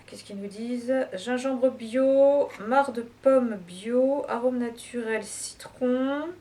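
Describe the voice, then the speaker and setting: A woman's voice: a little high, darkish tone, slight background noise. A woman with a French accent chatting casually about teas she bought, hesitating and restarting often. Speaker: tea vlogger. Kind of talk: casual product review chat.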